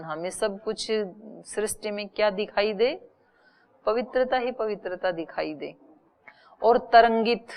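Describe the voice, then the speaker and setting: A woman's voice: medium pitch, smooth. Woman teaching an Upanishad. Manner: explains slowly with examples and rhetorical questions. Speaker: spiritual teacher. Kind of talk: Upanishad discourse.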